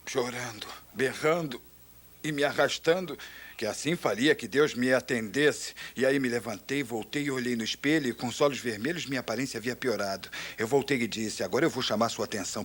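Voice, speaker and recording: A man who is a war veteran giving a dubbed spoken testimony, telling his story earnestly, dropping to a hush and then crying out loud. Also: mid-range voice. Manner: earnest storytelling, swings from hushed to loud outcries.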